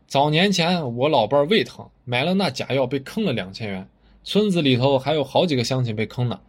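A man voicing a stubborn, blunt old village farmer who speaks in a gruff, indignant and scornful way. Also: medium pitch, animated, a little fast, lightly acted. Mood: triumphant.

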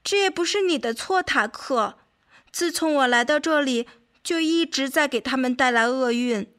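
A woman's voice: high-pitched, normal speed. Woman voicing a sad little boy cricket. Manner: soft, sorrowful, hushed. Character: young male cricket, gentle and sad.

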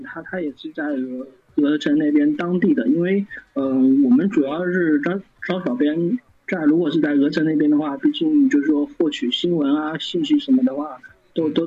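In dull lo-fi audio, a man with a high-leaning, dark-toned voice talks casually as a guest on an interview podcast. He founded a fan site and speaks haltingly, restarting with frequent stammers.

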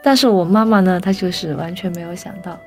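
A young woman telling a personal story as a podcast guest, lively and animated, briefly voicing the people she quotes. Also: on the low side, quick pace, soft background music.

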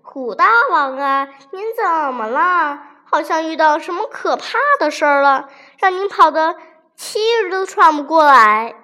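A woman's voice: high-pitched, lively intonation, unhurried, hardly any pauses, a bit bright. A woman doing a cheeky, curious storybook monkey. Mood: eager. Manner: eager, doubting.

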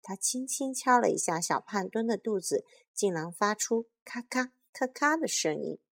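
A woman reading a children's storybook aloud in a soft, lively storytelling manner. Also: mid-range voice, normal speed, gravelly.

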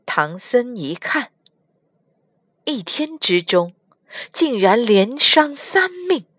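A woman reading a children's storybook aloud in an expressive, sing-song way, as a storytelling mother. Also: a little high, takes it slowly, slightly rough, no room sound, studio quality.

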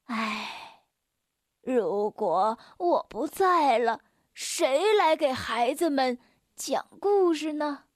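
A woman doing a slow, weary old storyteller grandpa. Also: fairly high pitch, big pitch swings, no room sound, studio quality, pitched below the performer's own voice. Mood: sorrowful. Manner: slow, sighing, sorrowful delivery. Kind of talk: storybook reading.

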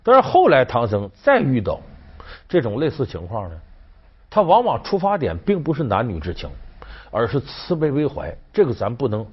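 A man's voice: medium pitch, huge pitch swings, normal speed, slightly rough. A man hosting a storytelling commentary, chatty and rhetorical, acting out the characters. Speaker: host. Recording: dull sound with faint music.

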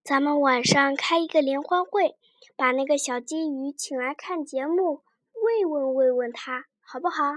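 A woman's voice: high voice, moderate pace, no echo, clean studio sound, natural voice. A woman voicing a small young grass carp in a children's story, making a friendly, cheerful suggestion.

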